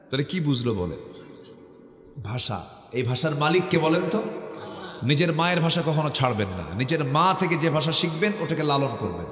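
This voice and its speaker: A man's voice: a little high, sing-song, normal speed, long pauses, a bit bright. Middle-aged male preacher, North Bengal accent, call-and-response sermon, roomy echo. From Bangladesh. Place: large outdoor sermon gathering. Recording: echoey hall, long reverb.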